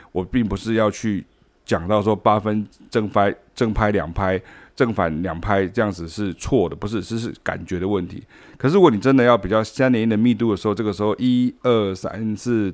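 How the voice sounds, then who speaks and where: Low-voiced Taiwanese Mandarin man teaching. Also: a little mellow. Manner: explanatory, sings rhythms in scat syllables. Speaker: music teacher. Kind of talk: spoken podcast lesson.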